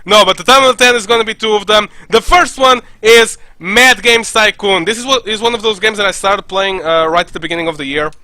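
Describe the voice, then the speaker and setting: Brief: young male streamer, high and bright voice, loose rambling podcast chat full of "um" and "like.". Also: brisk, few pauses, dry recording, poor audio. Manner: rambling, with many fillers and restarts.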